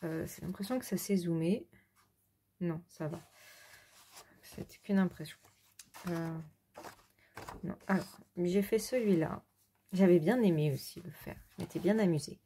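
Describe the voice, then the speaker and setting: A woman casually showing her coloring books, rambling with fillers and quick self-corrections. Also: fairly low pitch, warm tone, a little hiss or hum. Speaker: adult coloring hobbyist. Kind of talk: casual show-and-tell.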